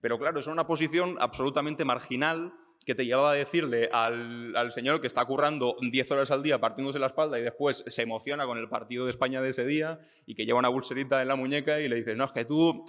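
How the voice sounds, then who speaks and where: A young man from Spain talking casually and thinking aloud, with fillers and restarts, slowing down to stress his points. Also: medium pitch, steady tone, a bit bright, big-room sound. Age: young adult. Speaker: speaker on politics and identity. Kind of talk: casual talk.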